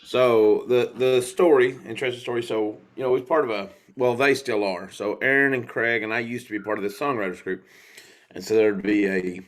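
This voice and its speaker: A male musician being interviewed on a podcast, explaining in a relaxed, meandering way how a song came about. He talks at a middle pitch, wanders through asides and keeps circling back to his point. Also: a little fast. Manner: loose storytelling with fillers and asides. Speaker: guest musician. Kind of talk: live singing and casual interview chat.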